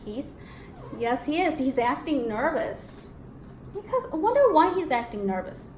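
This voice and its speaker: Reading a storybook expressively to young pupils, this female teacher poses questions and affirms the answers she gets. Her voice sits high, with big swings in pitch, an unhurried delivery, and a slightly mellow quality. Faint background noise and a roomy echo are audible.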